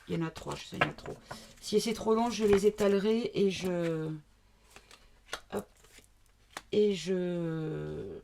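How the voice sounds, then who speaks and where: A woman's voice: on the low side, creaky, warm tone, a little hiss or hum. A woman from the south of France doing a casual card reading to camera, thinking aloud with many fillers and asides. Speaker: card reader.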